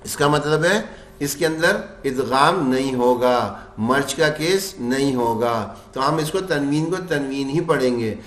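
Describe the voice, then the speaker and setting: Slow echoey male tajweed teacher. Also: mid-range voice, fairly bright tone. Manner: asks the class questions and answers them himself. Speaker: Quran recitation teacher. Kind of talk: tajweed lesson explaining rules, chanting example verses.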